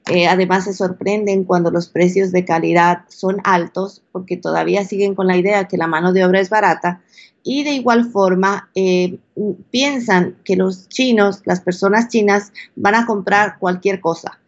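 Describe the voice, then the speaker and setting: Female lawyer from Ecuador, steady explainer, dull lo-fi audio. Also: medium pitch, normal speed. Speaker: lawyer and business consultant. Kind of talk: interview answers.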